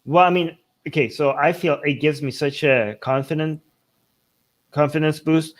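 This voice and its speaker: At a normal speed and in a fairly high-pitched voice, an Iranian talk show host whose native language is Persian rambles through casual political commentary, often restating his points.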